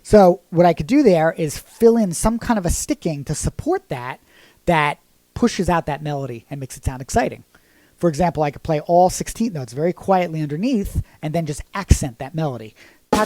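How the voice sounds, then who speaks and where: A man's voice: on the high side, normal speed, no echo, soft background music. A man teaching drums in a casual lesson, explaining concepts and singing rhythms as syllables. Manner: sings accent rhythms as "ta"; relaxed, conversational explaining. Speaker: drum teacher.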